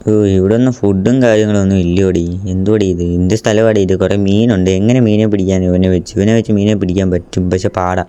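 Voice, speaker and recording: A man with a low, dark voice gives casual commentary over his gameplay. He exclaims often and excitedly, and he keeps speaking directly to his viewers. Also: fast, few pauses, clean tone. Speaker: gaming YouTuber.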